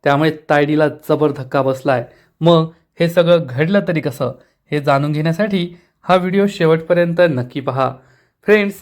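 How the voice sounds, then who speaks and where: A man narrating a recap of a TV serial episode as its reviewer, telling the story briskly. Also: on the high side.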